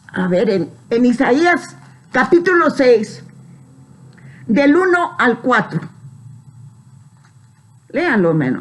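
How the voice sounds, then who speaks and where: Slow, high-pitched woman pastor preaching. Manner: preaching with emphatic rises on scripture, frequent "¿sí?" tags. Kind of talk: sermon.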